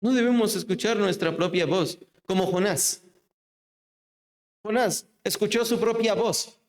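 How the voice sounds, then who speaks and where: Mexican man, evangelical preacher, high voice, rhetorical, reverberant hall sound. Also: a little slow. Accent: Mexican Spanish. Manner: rhetorical questions, drops low and soft for emphasis. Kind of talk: evangelical sermon.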